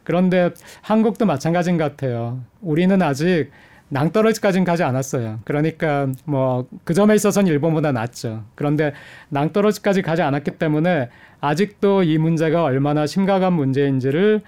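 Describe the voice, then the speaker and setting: A middle-aged man, an economics professor, gives measured interview answers with frequent hesitation fillers. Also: fairly high pitch, lively intonation, warm tone, smooth. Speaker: economics professor, studio guest.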